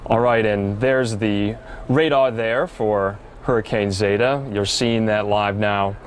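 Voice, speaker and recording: Low-voiced male news anchor, halting delivery. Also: fairly even intonation, a little hiss or hum. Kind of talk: live ad-libbed news anchoring.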